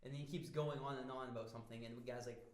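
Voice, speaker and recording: A man's voice: mid-range voice, steady tone, rapid-fire. A young man co-hosting a casual chat, rambling through stories and gossip. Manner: rambling storyteller. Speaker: podcast co-host. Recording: echoey room, faint hiss.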